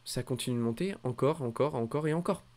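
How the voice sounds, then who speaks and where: A man with a darkish, mid-range voice races through a weekly markets recap he hosts. The commentary on financial markets stays casual and conversational, though he hesitates and repeats himself.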